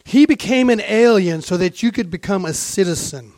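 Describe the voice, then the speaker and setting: A man preaching a sermon with fervour, posing rhetorical questions and moving between hushed and raised delivery. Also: high voice, animated, moderate pace, dry recording, studio quality.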